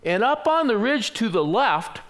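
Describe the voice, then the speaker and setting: A man's voice: extremely high pitch, very animated, measured pace, fairly bright tone. A man in his sixties preaching a sermon in a church. He tells a story with self-deprecating humor and acts out the voices of the people in it. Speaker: pastor. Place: church sanctuary.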